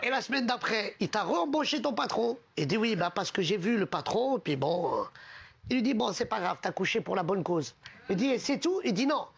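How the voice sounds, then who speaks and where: A man's voice: high voice, sing-song, normal speed, creaky, breathy edge. Man telling jokes, muffled TV sound. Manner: casual joke-telling, acts out characters' lines. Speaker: comedian telling jokes on a TV panel show.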